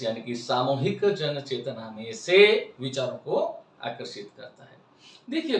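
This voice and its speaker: Older man, 60s, earnest and emphatic wellness host; fairly high voice, roomy and far from the mic. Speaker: health and wellness channel host. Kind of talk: explanatory talk to camera.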